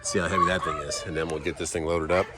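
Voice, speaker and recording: A man's voice: extremely low pitch, fairly even intonation, quick pace, very noisy. A man in his thirties, a trucker vlogger, talking casually to camera as he explains a job on his truck. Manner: easygoing, thinking aloud while working. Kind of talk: casual family vlog and how-to talk.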